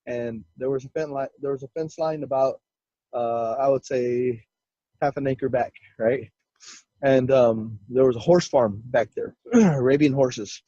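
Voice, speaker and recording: A man telling an encounter story as an interview guest, excitedly acting out quoted voices and laughing often. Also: mid-range voice, unhurried, no echo. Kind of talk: animated storytelling. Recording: dull lo-fi dry sound.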